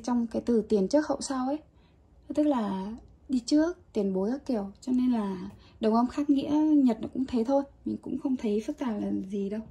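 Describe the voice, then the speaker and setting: A woman teaching a casual Japanese kanji lesson, chatty and relaxed with small laughs. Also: a little high, slightly rough.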